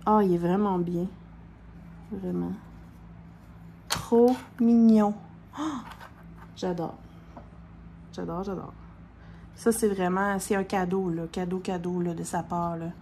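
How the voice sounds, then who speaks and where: A middle-aged woman with a Québécois accent chats through an unboxing in a slow, drawn-out way. She gasps and repeats her exclamations over and over. Faint room noise sits under her voice. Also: lowish voice, fairly even intonation, mellow. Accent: Québécois French. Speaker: diamond painting vlogger. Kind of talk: excited unboxing chat.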